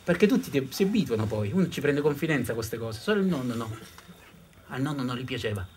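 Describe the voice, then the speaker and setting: A man performing a theatrical storytelling monologue on stage, shifting from hushed to loud. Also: medium pitch, sing-song, quick pace, slight background noise. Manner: dramatic, swings from hushed to loud. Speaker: storyteller actor.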